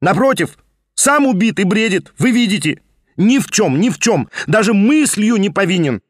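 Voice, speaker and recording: A man voicing a fast-talking, scheming young nobleman who chatters and insists without pause. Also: high voice, lively intonation, no echo, studio quality, pitched above the performer's own voice. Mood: frantic.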